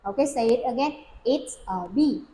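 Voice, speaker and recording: A woman's voice: a little high, expressive, moderate pace, dark tone, a little hiss or hum. A woman giving an English speaking test to a young learner. She asks simple questions patiently and models full sentences for the child to repeat. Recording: echoey room.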